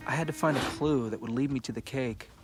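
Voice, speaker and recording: An actor playing a brooding young man who narrates his search in dry, measured hardboiled voice-over. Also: mid-range voice, lightly acted. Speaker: film narrator. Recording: film clip under loud music. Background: film score.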